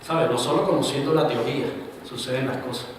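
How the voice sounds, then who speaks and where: A man preaching a sermon as pastor, swinging between loud emphatic bursts and quiet asides. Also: medium pitch, a little fast, a little hiss or hum. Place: church hall. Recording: roomy, reverberant church recording from a distance.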